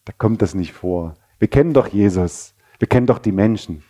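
A man preaching a sermon, talking conversationally with rhetorical questions and moving between raised passages and quiet, low ones. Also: expressive, normal speed. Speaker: pastor.

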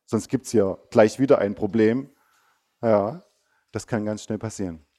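Man giving a lively sermon to children. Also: lowish voice, unhurried. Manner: animated storytelling, acting out the disciples with sudden loud outbursts; drops to a soft, quiet voice for reassurance. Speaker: preacher at a school service.

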